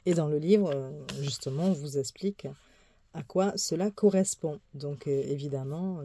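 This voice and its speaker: Woman, tarot deck show-and-tell, chatty and easygoing, lowish warm voice. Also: slight background noise. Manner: chatty, easygoing, many fillers and small laughs. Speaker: tarot YouTuber.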